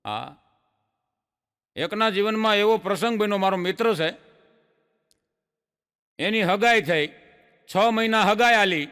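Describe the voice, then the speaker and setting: A man's voice: high-pitched, expressive, measured pace, pauses often, bright, forceful tone, clean tone, long reverb tail. A middle-aged man telling jokes on stage as a chatty storyteller who stretches out his punchlines. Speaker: stand-up joke teller. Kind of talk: live stage joke telling.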